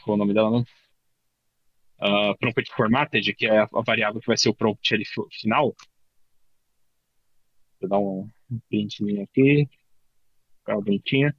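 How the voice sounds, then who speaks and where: A man's voice: lowish voice, fairly even intonation, slightly rough, no echo, lo-fi sound. A man with a Brazilian Portuguese accent giving a live coding workshop, talking informally and thinking aloud with many restarts. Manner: says he tends to talk fast. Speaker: workshop instructor.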